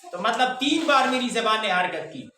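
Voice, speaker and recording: A man teaching English pronunciation to a class breaks words into drawn-out syllables and quizzes his students, his very high voice animated and sharp at a normal speed. He's heard from far off in a very echoey room, with a little hiss or hum.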